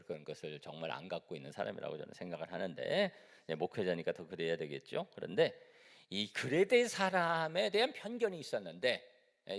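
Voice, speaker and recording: A middle-aged man from Seoul, a pastor giving a conversational sermon in a church and asking the congregation questions. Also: deep voice. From Seoul, South Korea. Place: church sanctuary. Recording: echoey church hall.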